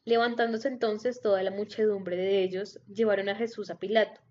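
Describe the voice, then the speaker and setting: Mellow-voiced woman reading scripture. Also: medium pitch. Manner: steady, measured reading. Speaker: scripture reader. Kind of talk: Bible reading. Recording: dull lo-fi recording.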